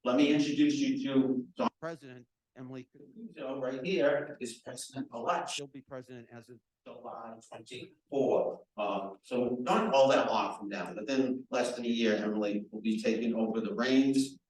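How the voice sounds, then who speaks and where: Welcoming an audience as the association's chapter president, a man speaks at normal speed with fairly even intonation, loud and chatty, his deep voice carrying. Without a microphone, he's recorded from the room, an echoey event space at a nonprofit center.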